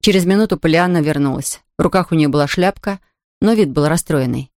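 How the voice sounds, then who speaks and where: A woman narrating an audiobook in an even, expressive storytelling manner. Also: low voice, a little fast, no echo, clean studio sound. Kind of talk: scripted narration.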